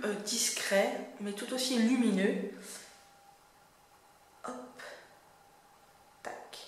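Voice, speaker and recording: A woman's voice: a little high, fairly bright tone. Chatty woman in a very echoey room. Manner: chatty and hesitant, many fillers. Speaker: beauty vlogger. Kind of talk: casual makeup review.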